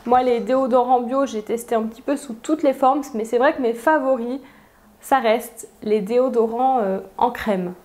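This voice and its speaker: A woman's voice: a little high, normal speed, darkish tone. A young woman chatting casually as she unboxes beauty products, with frequent fillers and easy laughs. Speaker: beauty vlogger.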